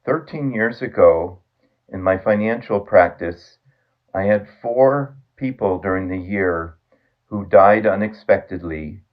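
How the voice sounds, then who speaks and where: A man interviewing a guest, telling his story in an earnest, measured way. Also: lowish voice. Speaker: interviewer, financial advisor. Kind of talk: conversational interview. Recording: tinny phone line.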